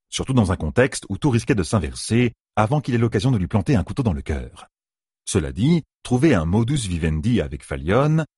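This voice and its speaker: A man reading a novel aloud as an audiobook narrator, with expressive rising and falling delivery. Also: low voice, husky, dry recording, clean studio sound. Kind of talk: scripted narration.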